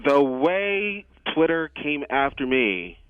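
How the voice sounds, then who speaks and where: A man's voice: fairly high pitch, big pitch swings, clear, resonant tone, no room sound. A man calling into a radio show, talking casually and provocatively with mock outrage. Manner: provocative, mock-outraged, quick to put on voices. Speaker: caller. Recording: tinny phone line, dry.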